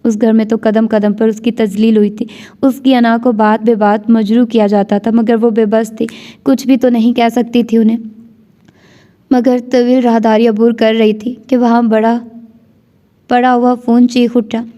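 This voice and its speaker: A woman's voice: fairly high pitch, flat delivery, normal speed, mellow. A woman reading a romance novel aloud as scripted narration, voicing all the characters herself. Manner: reads every character's lines in her own voice. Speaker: novel reader.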